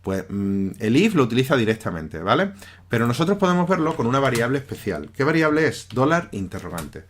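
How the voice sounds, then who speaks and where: A man teaches a programming lesson over a screen recording. He talks in a loose, conversational way and keeps checking that his students follow along. His voice sits at an ordinary middle pitch, with keyboard typing heard at times. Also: big pitch swings, brisk, slight background noise. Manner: conversational, often checks in with listeners.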